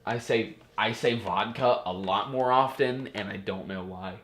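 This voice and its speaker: A young man co-hosting a casual podcast, telling stories with animated energy and acting out the people in them. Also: fairly low pitch, unhurried. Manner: animated storyteller, acts out voices and jumps in loudly. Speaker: podcast co-host. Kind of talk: casual chat. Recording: echoey room.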